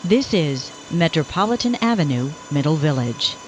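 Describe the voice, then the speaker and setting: A woman's prerecorded train announcements, made of spliced-together phrases with station names joined in, spoken in a measured, evenly spaced way. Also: low voice, very animated, slight background noise. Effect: spliced-together recorded phrases, station names joined in. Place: inside a subway train car. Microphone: recorded announcement played over the train PA. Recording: dull lo-fi onboard speaker.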